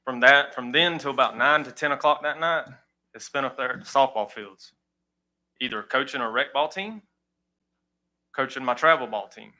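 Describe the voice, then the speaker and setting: Plain-spoken man, bright forceful voice. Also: medium pitch, normal speed, poor audio. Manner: plain-spoken, earnest, repeats "all right". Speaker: president of a girls softball league speaking at public comment. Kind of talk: public comment at a county meeting.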